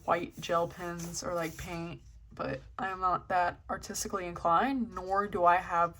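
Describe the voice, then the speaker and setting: Hesitant young woman vlogger, lowish voice. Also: fairly even intonation, measured pace, a bit bright, slight background noise. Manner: hesitant, many ums, self-deprecating. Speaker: channel host. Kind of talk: casual journal flip-through vlog.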